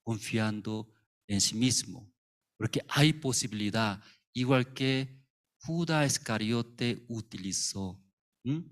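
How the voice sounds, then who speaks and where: Male pastor preaching slow, lots of rhetorical questions, simple choppy phrasing, middle pitch. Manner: simple broken phrasing, many rhetorical questions, acts out characters. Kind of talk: sermon.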